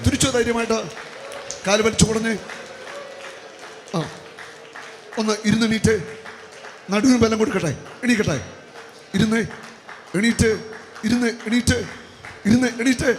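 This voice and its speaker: Man preacher, commanding, repeated chanted prayer lines, fairly high voice, echoey church hall, faint noise. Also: steady tone, moderate pace, long pauses, some chatter behind. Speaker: preacher leading a healing service. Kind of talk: charismatic healing prayer. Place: church retreat hall at the altar.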